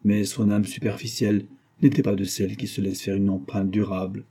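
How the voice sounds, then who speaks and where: A man narrates a classic novel in steady, measured phrases. His voice is dark and mellow with a husky grain. He sits a little low in pitch. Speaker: audiobook narrator. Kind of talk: scripted narration.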